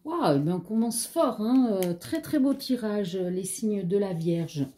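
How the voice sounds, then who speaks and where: A woman with a French accent talks slowly through a casual tarot reading, pausing on fillers and drifting into chatty asides. Her voice is mellow and soft-edged, with a slight frog in her throat. The delivery is unhurried and conversational. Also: medium pitch, lively intonation, slight background noise. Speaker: tarot card reader.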